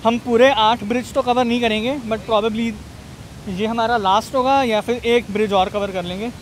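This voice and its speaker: A travel vlogger strolls a forest canyon trail, holding his phone at arm's length and chattily describing things as he walks. His voice is very high-pitched and fairly even in intonation at a normal speed, with slight background noise.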